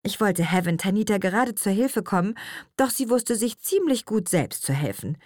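An expressive woman narrating an audiobook reads a scripted first-person story in a medium-pitched voice at normal speed. The recording is dry and clean, studio quality.

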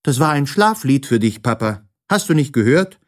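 A man voicing a cheeky, noisy childlike creature with a high, piercing voice that sings badly off-key. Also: big pitch swings, moderate pace, close to an everyday voice. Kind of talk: audiobook character voice.

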